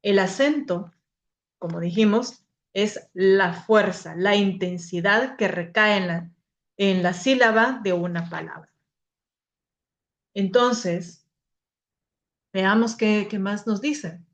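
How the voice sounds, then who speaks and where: A woman teaching a grammar lesson at a slow, unhurried pace. She explains patiently to her class, often stopping to restart a word before moving on. Her voice sits at an ordinary middle pitch.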